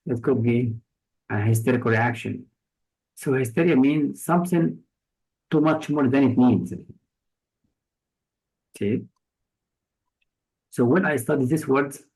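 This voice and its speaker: Man, Egyptian accent, test-prep vocab tutor; slow, deliberate, patient, lots of examples. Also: medium pitch, a little mellow, rough recording. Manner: patient, explains with many examples and synonyms. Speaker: English vocabulary teacher. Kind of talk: test-prep lesson explaining words.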